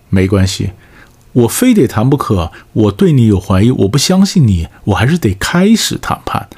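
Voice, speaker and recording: A man's voice: fairly low pitch, darkish tone, husky. A man with a Taiwanese Mandarin accent giving a spoken lecture on negotiation, often asking the listener rhetorical check-in questions.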